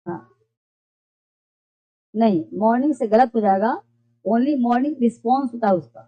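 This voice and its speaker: Speaking at a moderate pace in a slightly high voice, a woman walks her students through basic English phrases and keeps quizzing them with the same questions. The classroom recording sounds dull and lo-fi.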